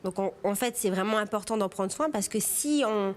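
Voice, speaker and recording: A woman's voice: mid-range voice, normal speed. A woman hosting an interview, leading the talk with short prompts and questions. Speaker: interview host.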